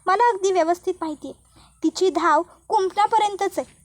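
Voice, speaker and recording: A woman's voice: very high-pitched, fairly quick, no room sound. A woman voicing an angry, wronged village wife who accuses and confronts in rustic speech. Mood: accusing.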